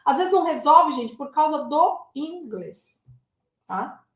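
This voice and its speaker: Teacher, woman, high voice, chatty and direct with viewers, echoey room. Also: takes it slowly. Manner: lively, addresses viewers as "gente". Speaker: English teacher. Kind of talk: casual online English lesson.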